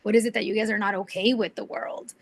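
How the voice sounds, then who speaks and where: A young woman, a journalist guest, talking casually and telling animated stories with lots of quoted dialogue. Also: mid-range voice, fast, slight background noise, low-quality recording. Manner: chatty, animated storytelling with quoted voices. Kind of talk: casual video-call talk.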